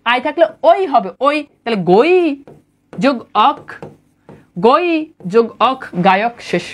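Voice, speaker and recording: A woman's voice: a little high, expressive, slow pace. A woman teaching a grammar lesson online, repeating points and quizzing her listeners. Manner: repetitive, drilling, quizzes listeners often.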